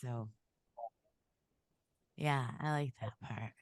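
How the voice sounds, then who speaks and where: A woman with the flu, speaking in a low sick voice, earnestly sharing her reflections with a group on a video call. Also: drawn-out words, dry recording, studio quality. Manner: earnest, reflective, self-deprecating. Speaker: meditation group participant.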